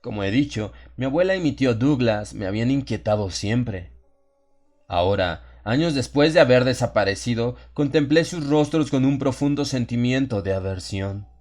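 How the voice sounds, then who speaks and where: A male audiobook narrator reads a scripted first-person horror story with measured, solemn and dramatic delivery. His voice is medium-pitched and a little mellow.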